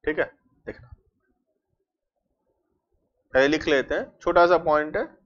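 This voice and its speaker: A man with an Indian accent teaching a commerce lecture, dictating notes slowly word by word and addressing students fondly. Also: on the high side, fairly bright tone, dull audio.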